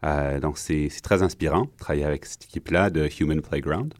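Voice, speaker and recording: A man's voice: extremely low pitch, brisk, no room sound, clean studio sound. A man with a Québécois accent, a guest dancer and choreographer, talking casually in a radio interview with lots of hesitant fillers. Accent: Québécois French. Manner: relaxed, many hesitation fillers.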